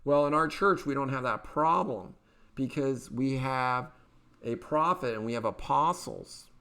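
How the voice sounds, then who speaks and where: A man's voice: mid-range voice, measured pace, sharp tone. A man hosting a political commentary show, talking in a rambling way with many fillers and restarts. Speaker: podcast host.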